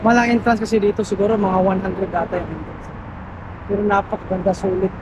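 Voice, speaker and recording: A man's voice: high-pitched, fairly even intonation, a little fast. A Filipino man hosting a casual vlog outdoors, chatting to viewers in slangy, exclamatory bursts. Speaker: vlogger and host. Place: outdoors in a city. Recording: noisy outdoor recording with traffic ambience.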